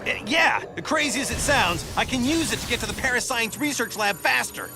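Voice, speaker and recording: An actor playing an impatient male scientist hero in a video game, barking brisk orders over the radio. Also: very high-pitched, animated. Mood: commanding. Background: loud game music.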